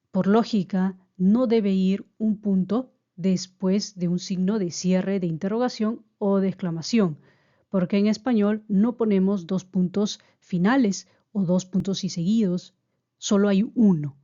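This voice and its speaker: A woman giving a grammar lesson, explaining slowly and patiently and often repeating her key points. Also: mid-range voice, steady tone, mellow, dull audio. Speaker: teacher.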